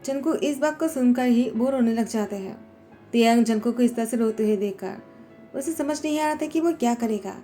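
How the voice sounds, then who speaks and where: A woman narrating a fan-fiction story recap in a steady, plain way. Her voice is slightly high and mellow, and faint music plays underneath. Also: moderate pace.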